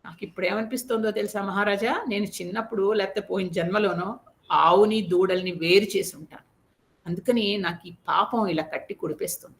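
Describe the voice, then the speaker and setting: A woman's voice: mid-range voice, fairly even intonation, fairly quick, lightly acted. A woman voicing a grieving queen mother. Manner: lamenting, reproachful.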